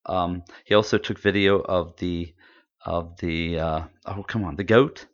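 A man's voice: deep voice, fairly even intonation, unhurried. A man co-hosting a podcast in casual chat, rambling and enthusiastic with lots of fillers. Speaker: podcast co-host. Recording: dull lo-fi audio.

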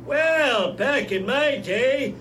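A man's voice: very high-pitched, animated, extremely slow, full character voice. An actor playing a cranky, rambling old grandfather in a cartoon comedy. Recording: noisy theme park ride audio. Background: clear noise and ambience.

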